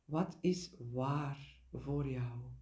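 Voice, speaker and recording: Slow, mellow male meditation guide. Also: medium pitch, roomy sound. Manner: gentle, deliberate, with pauses and repeated key words. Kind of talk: guided meditation, spoken reflection.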